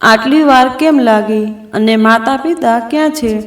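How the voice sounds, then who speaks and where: A woman's voice: fairly high pitch, measured pace, roomy sound, natural voice. A woman voicing a scheming young wife who puts on a show of concern. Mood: fake concern. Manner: fake concern.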